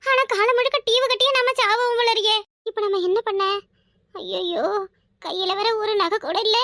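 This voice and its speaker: A shrill, bright cartoon wife, voiced by a woman, fretting in a rapid, wailing monologue about money she owes. The voice sits very high and races along, and it sounds dry and close. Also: no echo. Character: debt-ridden young wife, panicky and scheming. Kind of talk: cartoon voice acting.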